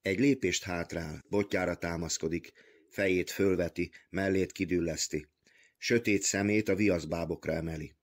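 A man reading a literary novel aloud as an audiobook, with measured, even storytelling. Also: sits low. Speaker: audiobook reader.

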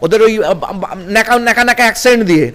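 Combative high-voiced man, reverberant sound. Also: fast, fairly bright tone. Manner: combative, rhetorical, lists grievances in bursts. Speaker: political guest. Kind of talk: heated political interview.

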